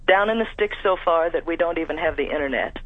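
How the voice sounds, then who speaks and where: High-voiced caller on a muffled phone line. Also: male voice, quick pace, no room sound. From Missouri, USA. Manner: earnest and friendly, chatty. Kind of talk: call-in talk.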